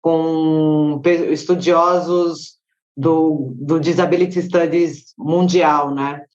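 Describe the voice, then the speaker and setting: A woman's voice: deep voice, flat delivery, slow, a little mellow. Effusive woman on a muffled call. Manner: emotional, effusive. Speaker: artist guest. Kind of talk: casual panel conversation. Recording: muffled online call audio.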